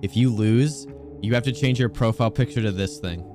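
A man's voice: mid-range voice, fairly quick, music in the background. A man streaming a video game, chatting casually with viewers in a teasing, joking way and laughing often. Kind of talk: casual gaming stream chat.

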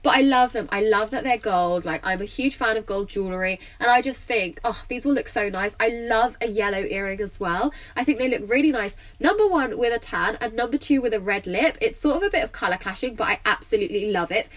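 A young woman with a slightly croaky, blocked-nose voice, gushing enthusiastically in a casual shopping haul vlog. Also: on the high side, fairly quick, few pauses. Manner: gushing, enthusiastic, lots of "I love". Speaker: vlogger.

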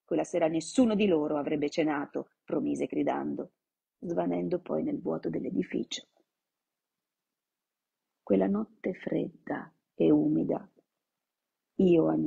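A woman narrating a novel aloud in a slow, dramatic storytelling manner, live from home. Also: lowish voice, creaky, warm tone, breathy edge, lo-fi sound. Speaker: reader. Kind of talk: dramatic audiobook-style reading.

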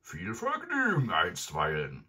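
A man voicing a blustering, gruff male robber who talks loudly and mockingly in a storybook reading. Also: wildly swooping pitch, slow, heavily acted. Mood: booming, mocking. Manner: booming, taunting.

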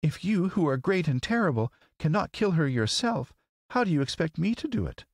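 A man's voice: a little high, very animated, a little fast, creaky, dry recording, clean studio sound, pitched above the performer's own voice, full character voice. A man voicing an earnest, helpless little girl in a storybook, plaintive and pleading. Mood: tearful, protesting. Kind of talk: storybook character voice.

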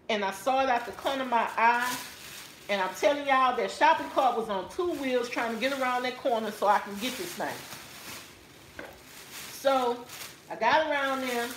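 Speaking to "y'all" in a casual haul video, a chatty, playful Texan woman discusses handbags from the couch in her living room. Her voice is fairly high and fairly bright, with slight background noise and echo, and a camera or phone on a stand keeps her in close framing.

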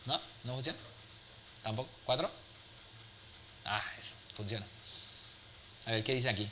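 A man in his forties giving a live mentoring talk, blunt and forceful, swearing freely and checking in with the audience. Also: medium pitch, normal speed, background noise. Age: 40s. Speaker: business speaker and mentor.

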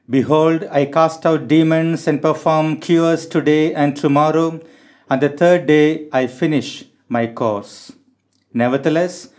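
Male priest, middle-aged, for Gospel and homily: slow, formal, deliberate delivery. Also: on the high side, darkish tone. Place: small chapel, indoors. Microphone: gooseneck lectern microphone.

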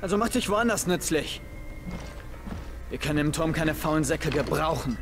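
A man's voice: a little high, expressive, moderate pace, music in the background, lightly acted. An actor playing a brash young male survivor leader in a video game, curt, impatient and sarcastic. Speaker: game character. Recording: game audio with clear background noise.

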